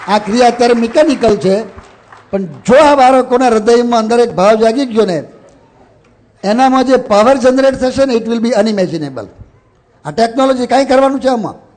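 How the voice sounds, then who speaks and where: Man, high voice, sermon with guided ritual, instructive, gentle with children, faint crowd behind. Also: lively intonation, moderate pace. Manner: instructive, mixes English phrases into speech; directs children gently, with light laughs. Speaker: religious speaker leading an assembly. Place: stage before an audience.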